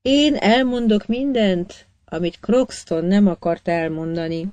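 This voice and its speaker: A woman's voice: mid-range voice, darkish tone, dry recording, voice pushed up, lightly acted. Woman voicing an earnest young disguised girl. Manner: earnest, pleading.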